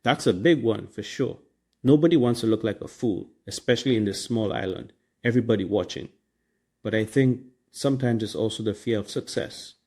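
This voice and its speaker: A Trinidadian man with a fairly low voice hosts a relaxed podcast. His accent is clear in his island slang and grammar as he gives casual, motivational talk. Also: a little fast. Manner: colloquial, Caribbean slang and grammar. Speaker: podcast host.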